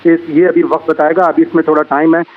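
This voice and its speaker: Flat-toned man over a tinny line. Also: on the high side, quick pace. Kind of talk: panel commentary.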